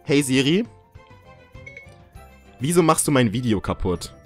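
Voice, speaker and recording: Excitable young man with lively pitch. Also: unhurried, faint music behind. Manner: excitable, jokey, swears and yelps when startled. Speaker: gaming YouTuber. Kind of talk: casual let's-play commentary.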